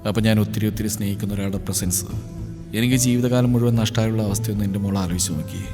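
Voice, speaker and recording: A young man who is heartbroken and quick to anger, talking low and earnest, as a male narrator voices him. This is an audio story told with long reverb. Faint music plays under it. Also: steady tone, natural voice. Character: young man, impulsive brother, heartbroken and protective.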